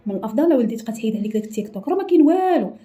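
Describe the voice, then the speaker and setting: A woman voicing a calm Moroccan father with a Moroccan accent, patiently advising his son. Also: on the high side, very fast. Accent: Moroccan Arabic.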